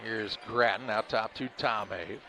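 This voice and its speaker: A man calling a high school basketball game in quick, clipped play-by-play. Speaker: play-by-play announcer. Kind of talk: live sports commentary. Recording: crowd noise and gym ambience behind.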